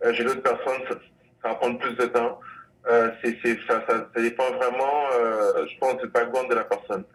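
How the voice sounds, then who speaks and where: A man from Congo answers a radio host's questions about his language school. He hesitates often and restarts his sentences as he thinks. His voice sits at an everyday pitch and sounds a touch distant from the microphone. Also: fairly even intonation, normal speed. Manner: hesitant, many fillers and restarts. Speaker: language school director, guest.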